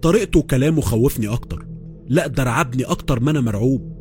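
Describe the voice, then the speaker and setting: Egyptian man, horror storyteller, fearful stammer, quick delivery, faint music. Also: medium pitch, warm tone. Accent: Egyptian Arabic. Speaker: narrator. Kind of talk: first-person horror storytelling.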